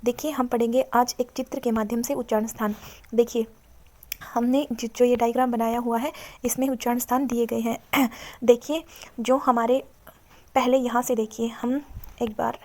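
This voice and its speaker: A woman teacher walks viewers through an exam-prep grammar lesson in a fairly high voice. Her pitch barely moves, keeping a flat, even line as she repeats points and tells viewers to look at the chart. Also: normal speed. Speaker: Sanskrit teacher.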